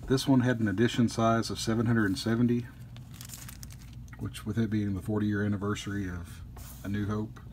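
A man casually reviewing a collectible statue at a table indoors, easygoing, with frequent pauses. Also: low-pitched, noisy background.

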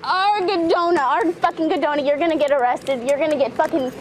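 A young woman being arrested, defiant, shouting and swearing at an officer, in a noisy handheld video clip. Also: high voice, fairly quick. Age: young adult. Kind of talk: filmed confrontation with police.

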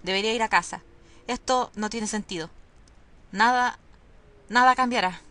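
A woman's voice: fairly high pitch, moderate pace, a bit bright, natural voice. A woman reading aloud the lines of a troubled young man searching a ruined hospital, in a plain reading voice. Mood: worried. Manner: reads dialogue boxes aloud, plainly.

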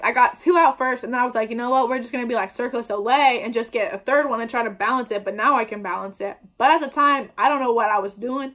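A young woman with a slightly high, somewhat bright voice vlogs from her kitchen at home, chatting casually to the camera in upbeat, slangy talk as she bakes. She sits at the kitchen table in front of a wallpapered wall for this relaxed baking vlog.

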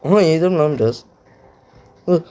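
A young man commenting on his own gameplay, groaning, swearing and complaining loudly as he plays. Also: fairly high pitch, lively intonation, normal speed, a little hiss or hum. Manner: frustrated, swearing, groaning, yelping. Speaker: gaming YouTuber.

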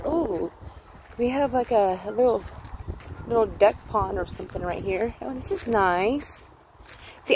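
Woman, phone-filmed walk in a park, rambling chatty delivery, slow pace, faint outdoor noise behind. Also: a little high, warm tone, low-quality recording. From California. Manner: chatty, rambling, coos at animals. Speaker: vlogger. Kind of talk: casual walking vlog. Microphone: phone held while filming.

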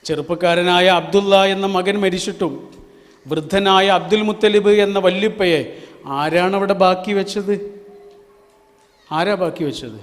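A man preaching an Islamic sermon, asking rhetorical questions, chanting verses slowly, and swinging from loud to hushed. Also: sits high. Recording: long hall reverb.

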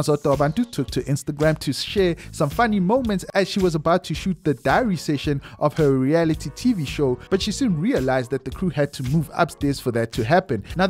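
A man's voice: on the high side, a little mellow. Chatty man reading celebrity news. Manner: chatty, reading headlines with light quips. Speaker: entertainment news host. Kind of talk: online entertainment news recap.

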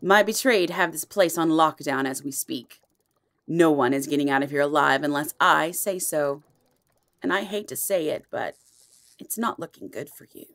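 A woman plays a commanding, protective supernatural mother in an audio roleplay drama, dangerous and impatient, her voice low yet a bit bright. She sounds cold and defiant, speaking in a measured, cool, imperious way.

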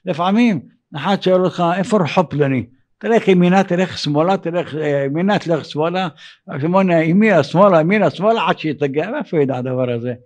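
Older male rabbi, fairly high voice, halting sermon delivery that breaks into lively acted-out dialogue. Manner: acts out quoted dialogue in a raised, animated voice; halting, with frequent hesitations. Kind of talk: evening sermon.

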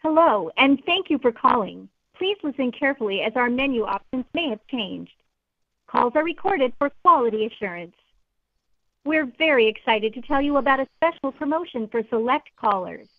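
A woman's prerecorded automated phone menu message, polite and even, reading scripted prompts. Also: high voice, normal speed, no echo. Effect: recorded automated phone menu message. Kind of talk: scripted recorded announcement. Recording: tinny phone line.

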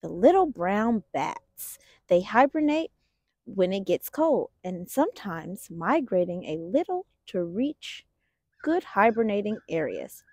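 A woman reads a children's picture book aloud in a mid-range voice, with a very animated, swooping delivery. She goes slowly, lingering over the words in an expressive storytelling style, and the sound is dry and close with no room echo.

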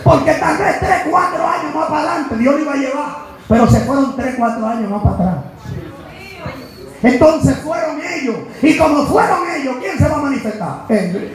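A man with a Dominican accent preaching with fervor, his voice pitched unusually high for a man. He drops to near-murmurs, then bursts into shouted points. The room rings with heavy echo while music plays behind him. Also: lively intonation, moderate pace. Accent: Dominican Spanish. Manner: impassioned, swings from hushed asides to shouted emphasis. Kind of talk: sermon. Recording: echoey hall with music behind.

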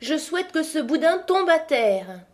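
A woman voicing a vain, quick-tempered peasant wife with a raised, emphatic voice. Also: high voice, sing-song, pitched above the performer's own voice. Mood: wise.

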